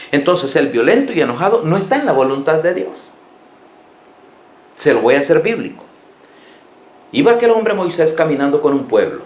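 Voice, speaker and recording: Man preaching a Bible study, lively rising and falling pitch, echoey church room. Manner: animated storytelling, questions to listeners. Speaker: pastor.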